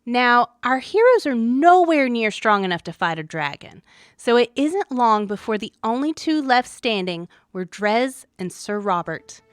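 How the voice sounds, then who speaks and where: A woman's voice: on the high side, very animated, unhurried, no echo, clean studio sound. A woman hosting a story show, reading a scripted narration of a tabletop adventure in a wry, dramatic way. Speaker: story podcast host.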